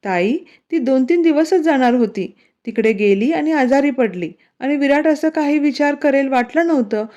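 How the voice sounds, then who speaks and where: A worried older woman of the household explains herself, as a woman narrator puts her on. Her voice is mellow and slightly high. The recording sounds dull and lo-fi. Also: animated, moderate pace.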